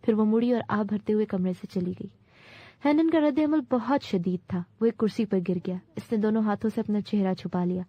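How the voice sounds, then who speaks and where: A woman narrating a translated classic novel in a steady, clear reading voice. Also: mid-range voice, no echo. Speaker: audiobook narrator. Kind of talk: scripted storybook narration. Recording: dull dry recording.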